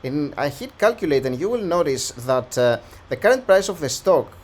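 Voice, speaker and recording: A man who is slightly hoarse, host of a stock analysis channel, talking through a valuation in a conversational, think-aloud way. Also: fairly high pitch, sing-song, normal speed. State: slightly hoarse, losing his voice. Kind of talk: casual stock analysis walkthrough.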